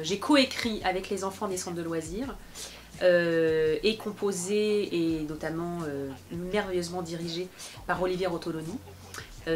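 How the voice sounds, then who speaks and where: Lowish-voiced woman in a tv studio interview, chatty and self-mocking, lots of little hesitations. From Bobigny, France. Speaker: interviewee, singer and actress. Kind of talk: interview, recounting her career. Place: local TV studio.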